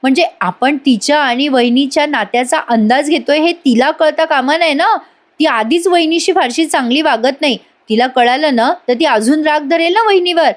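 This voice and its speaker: Wary middle-aged aunt, high, careful questions, played by a woman. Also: moderate pace, natural voice. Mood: cautious.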